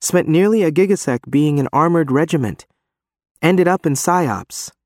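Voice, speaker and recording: A man's voice: high-pitched, very animated, normal speed, darkish tone, dry recording, clean studio sound, pitched above the performer's own voice. A man voicing a guarded but insistent woman war veteran in an audiobook. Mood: frank, guarded. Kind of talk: audiobook character dialogue.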